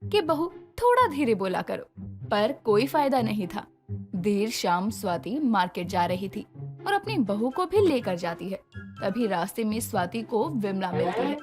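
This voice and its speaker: A woman narrating a moral story in a scripted, expressive way. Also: mid-range voice, a little slow. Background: background music.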